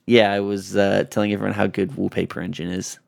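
Gravelly low-voiced man, relaxed. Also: fast talker. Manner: relaxed, hesitant with fillers. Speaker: podcast co-host. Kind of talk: casual chat.

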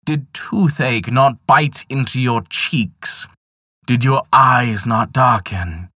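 A man voicing Death in a spoken folk tale, speaking in a slow, measured, solemn way. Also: medium pitch, pushed and bright, husky, no echo, studio quality, pitched above the performer's own voice, full character voice. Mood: accusing. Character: Death, stern male personification of death.

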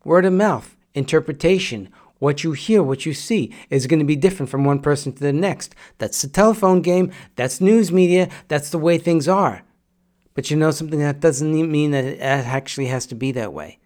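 A man's voice: on the high side, normal speed, a little mellow. A middle-aged man hosting a podcast, giving a direct, repetitive motivational monologue in a coaching tone. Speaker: podcast host.

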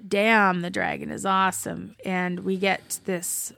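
A woman with a gravelly, fry-tinged voice talks through a TV episode with open excitement, dropping swear words as she goes. The sound is dry and close, with no room around her. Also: on the low side, unhurried, no room sound. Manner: excited, swears freely, recaps scenes with gusto. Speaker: podcast co-host. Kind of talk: casual TV recap chat.

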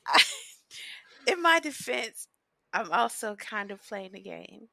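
Woman, about 30, podcast guest: bright, high-ish, giggly and self-deprecating, dry close mic. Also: big pitch swings, slow pace, creaky, no echo. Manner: laughs often, chatty and self-mocking. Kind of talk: casual chat.

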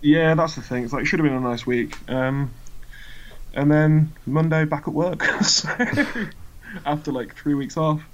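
A man's voice: a little high, fairly even intonation, moderate pace. A British man talking casually, like a podcast co-host chatting with a friend. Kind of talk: casual chat. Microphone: remote internet voice call. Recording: slightly dull, lo-fi internet call audio.

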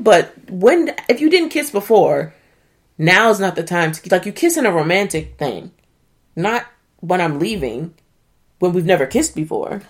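A woman casually recapping a reality dating show, animated and slangy, swearing and laughing often. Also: mid-range voice. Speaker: show reviewer.

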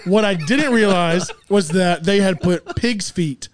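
Higher-voiced man rambling on a podcast. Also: measured pace, crowd noise. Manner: rambling, filler-heavy storytelling. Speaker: podcast host. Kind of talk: casual chat.

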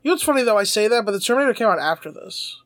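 High-voiced man in loose podcast banter. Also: animated, rapid-fire, a bit bright. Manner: chatty, laughs often, swears casually. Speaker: podcast co-host. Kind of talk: casual podcast chat.

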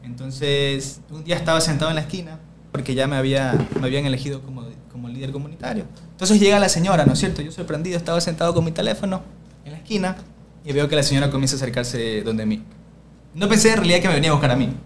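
Un hombre joven con acento ecuatoriano, líder comunitario, que cuenta anécdotas en una charla informal de podcast, imitando los diálogos. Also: male voice, fairly high pitch, fast talker, a little hiss or hum. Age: young adult. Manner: animated storyteller, acting out dialogue. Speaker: community leader. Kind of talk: casual podcast conversation.

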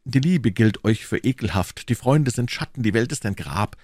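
A man's voice: mid-range voice, lively intonation, normal speed, darkish tone, no room sound, studio quality, voice pushed up, lightly acted. A man voicing a young musketeer in an audiobook, earnest and wry with a teasing edge. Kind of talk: audiobook character voice.

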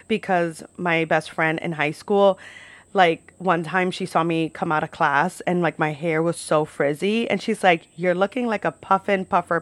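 A woman's voice: sits low, no echo. A young American woman telling personal stories casually to camera, chatty and candid, peppering her talk with "like". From United States, New York and Florida. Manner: candid, chatty, frequent "like" as filler. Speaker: podcast host. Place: outdoors at home.

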